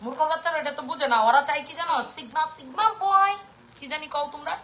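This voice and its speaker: She races through a casual rant, a vlogger in her thirties passionately scolding her audience in a Bangladeshi Bengali Mymensingh accent. Her voice is high and fairly bright, with fairly even intonation.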